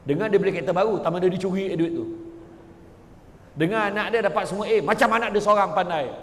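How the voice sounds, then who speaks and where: A man with a Malaysian Malay accent giving a humorous religious talk, animated and jokey, often slipping into characters. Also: sits high, quick pace, a little hiss or hum. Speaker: preacher. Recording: echoey hall.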